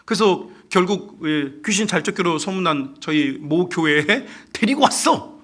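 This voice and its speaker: Brief: male pastor, sermon storyteller, crisp and bright tone, high-pitched. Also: normal speed. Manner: lively storytelling, swinging from hushed asides to excited, loud passages.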